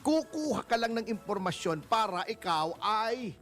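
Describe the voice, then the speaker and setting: A man's voice: high-pitched, big pitch swings, unhurried, fairly bright tone, faint music behind. A male lawyer as a guest in a casual interview, talking bluntly and mockingly and laughing as he speaks.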